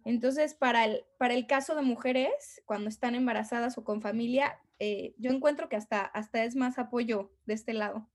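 A woman's voice: on the high side, normal speed, few pauses. A Mexican woman talking as a guest on a podcast, in a chatty way with many fillers and restarts. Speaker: guest, tour guide. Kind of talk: casual podcast conversation.

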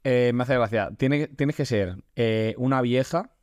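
A man's voice: medium pitch, unhurried, no echo. Man from Spain, dry close voice. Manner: rambling storyteller, hesitant fillers and self-interruptions. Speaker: podcast co-host. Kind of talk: casual comedic chat.

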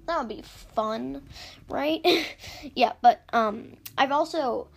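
A woman hosts a casual podcast, speaking into an iPad in a fairly high voice roughened by frequent fry. She talks in a loose, rambling way, breaking off mid-sentence and tossing in giggly asides. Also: slow pace. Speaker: podcast host recapping books. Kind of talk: casual chat.

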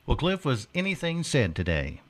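Lively self-mocking radio co-host. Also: male voice, mid-range voice, moderate pace. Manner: joking, self-mocking, playful teasing. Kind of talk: casual morning radio banter.

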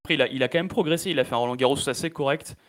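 Man, from France, casual host, hesitant, restarts, clear resonant voice, mid pitch. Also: rapid-fire, fairly bright tone. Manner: hesitant, many restarts and fillers. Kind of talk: casual tennis chat.

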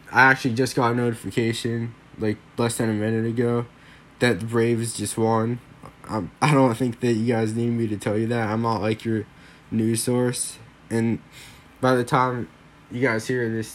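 A young man hosts a solo sports podcast, rambling casually and using lots of fillers. He sounds a little worn because he's getting over a lingering cold. His voice is mid-range, with a bit of hiss or hum in the background.

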